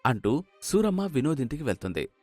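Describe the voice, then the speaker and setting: A man's voice: mid-range voice, very animated, brisk, a little mellow, no echo, soft background music. Man narrating a storybook.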